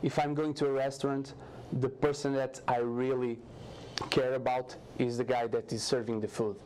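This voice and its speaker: Portuguese-accented young man, flat and mellow. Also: mid-range voice, slight background noise. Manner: halting, many restarts and fillers, earnest. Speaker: guest, startup founder. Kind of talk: TV studio interview.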